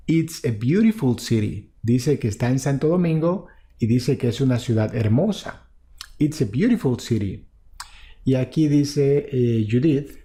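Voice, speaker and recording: A man teaching an English lesson to Spanish speakers, repeating English phrases slowly and then explaining them in Spanish. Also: medium pitch, warm tone.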